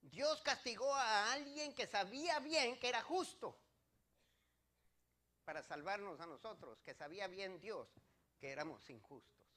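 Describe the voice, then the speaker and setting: A man preaches a sermon in a high, ringing, bright voice. He drives his points home with rhetorical questions and shifts from loud proclamations to hushed asides. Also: animated, a little slow. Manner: swings between loud declarations and quiet asides. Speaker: pastor.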